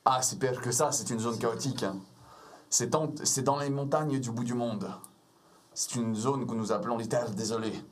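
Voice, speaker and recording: A man running a tabletop role-playing game as game master, narrating in a measured, grave way. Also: mid-range voice, fairly even intonation.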